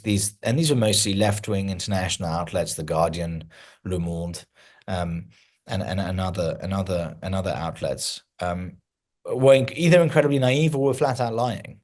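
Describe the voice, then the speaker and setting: A man answering interview questions in a measured, explanatory way, often restarting his sentences. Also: on the low side, a little mellow. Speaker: interview guest, founder of a news account.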